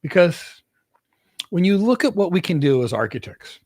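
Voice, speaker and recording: A host and cloud architect from Greece answers his viewers' career questions with an American accent, using a high, sing-song voice with a darkish tone at normal speed. His delivery is emphatic, with frequent repetition of words for stress, and the recording is dry.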